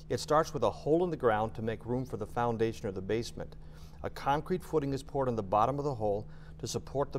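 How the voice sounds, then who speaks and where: A man's voice: mid-range voice, a little mellow, slight background noise. A middle-aged man, a guest expert on a TV studio show, explaining plainly with occasional filler words. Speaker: basement waterproofing expert guest. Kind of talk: explaining on a TV interview. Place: TV studio set.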